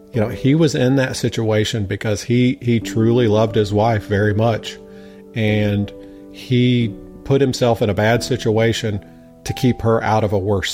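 A man speaking unscripted as a podcast interviewee, halting and repeating words for emphasis. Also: fairly low pitch, a little mellow.

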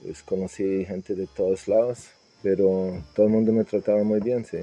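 Man in his fifties, dark mellow voice. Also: low-pitched, moderate pace. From Serbia. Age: 50s. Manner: relaxed, with frequent fillers like "pues" and "¿sí?". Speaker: interviewee. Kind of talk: casual interview answers.

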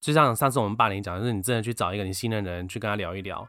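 A man with a Taiwanese Mandarin accent, co-hosting a casual podcast chat and telling a family story with animated bursts of laughter. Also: on the low side, very fast, dry recording. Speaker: podcast co-host.

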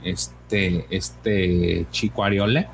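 A man's voice: low voice, steady tone, very slow, vocal fry, slight background noise. A man co-hosting a comics podcast, recapping a story in casual chat with many fillers and acted-out lines. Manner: hesitant, many fillers, acts out dialogue.

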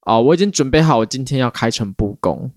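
A man's voice: medium pitch, expressive, fast, darkish tone, no echo, studio quality. A man with a Taiwanese accent, chatting casually as a podcast co-host. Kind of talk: casual chat.

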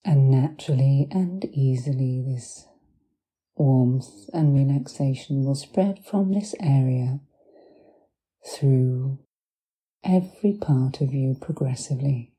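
Very slow, low, soft hypnotherapist woman. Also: low-quality recording. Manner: soothing, deliberate, long pauses between short phrases. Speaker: hypnotherapist guiding relaxation. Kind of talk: guided hypnosis meditation, soft and partly whispered.

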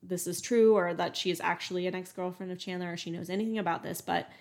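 A woman's voice: lowish voice, fairly even intonation, quick pace, gravelly, a little mellow. A young woman chatting casually as a podcast co-host, filling her talk with "like" and "um". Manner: chatty, lots of "like" and "um" fillers. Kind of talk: casual true crime chat.

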